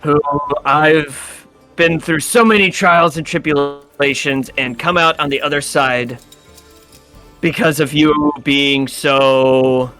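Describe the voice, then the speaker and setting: Centuries-old man, devoted husband, earnest, bright voice, played by a man, fantasy game. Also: fairly high pitch, fairly even intonation, slow pace, faint music behind, voice pushed down. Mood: tender.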